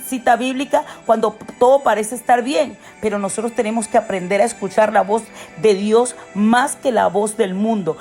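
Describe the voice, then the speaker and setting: A woman's voice: on the high side, a little mellow. A woman preacher giving a devotional sermon, emphatic and repetitive, often checking in with listeners. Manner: emphatic, repeats "¿ok?" and piles up phrases. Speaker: prophet, preacher.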